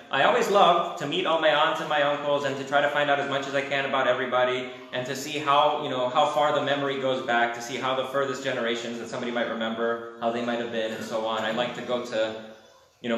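A man's voice: mid-range voice, a bit bright, a little hiss or hum. A man from America teaching a class, asking the students questions and adding wry asides. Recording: very echoey room.

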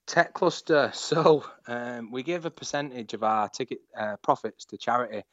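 A man's voice: mid-range voice, moderate pace, a bit bright, dry recording. A man, an enthusiastic startup founder talking as a guest in a casual interview, rambling and restarting his sentences. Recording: dull lo-fi sound.

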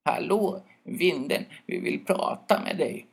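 Two sour, jealous little birch-tree brothers with high, pinched, whiny voices, as a storybook narrator puts them on. They snipe and grumble, then turn sly and wheedling. The pitch jumps all over. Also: male voice, lively intonation, creaky, slightly rough, full character voice. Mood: coaxing. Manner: sour and scheming.

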